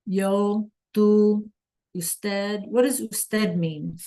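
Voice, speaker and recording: Woman teacher on a video call, slow and patient, keeps asking the class questions. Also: mid-range voice, steady tone, mellow. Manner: patient, checks in with students often. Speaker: Spanish teacher. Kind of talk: online class lesson.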